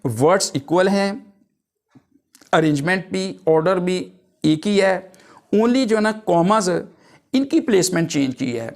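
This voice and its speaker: A man's voice: high voice, creaky. A man teaching English grammar, explaining each term with several synonyms.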